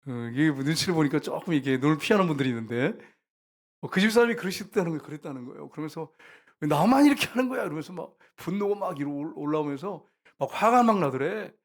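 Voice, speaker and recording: A man preaching a sermon to his congregation as their pastor. He speaks with emphasis and often rises to loud, repeated calls to the listeners. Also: fairly high pitch, animated, quick pace. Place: church sanctuary.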